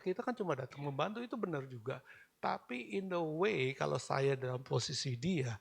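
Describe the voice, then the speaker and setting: A middle-aged male pastor delivering an animated sermon, slipping English phrases into his talk. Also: a little high, gravelly, slightly rough.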